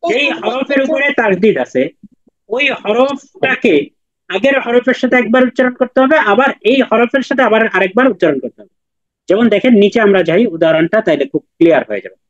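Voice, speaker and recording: A man's voice: high-pitched, animated, brisk, no room sound, highs cut off. A man teaching Quran recitation in an online class, patiently repeating and drilling letter sounds with his students.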